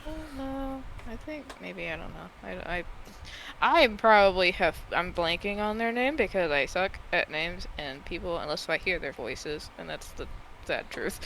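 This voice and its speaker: A woman's voice: lowish voice, lively intonation, moderate pace, creaky, a bit bright, low-quality recording. A woman chatting casually as a guest on a stream call, informal, rambling and blunt. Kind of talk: casual chat. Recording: faint noise on a call.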